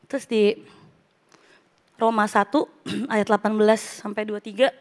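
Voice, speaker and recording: A woman's voice: mid-range voice, fairly even intonation, measured pace. A middle-aged woman preacher giving a casual, conversational sermon and mixing English phrases into her speech.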